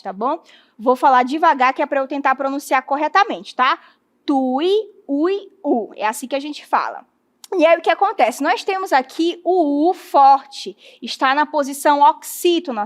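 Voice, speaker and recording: A woman's voice: sits high, a bit bright. A woman teacher with a Brazilian Portuguese accent explains a lesson step by step, checking in with her students and drawing out syllables as she spells them. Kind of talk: classroom lesson.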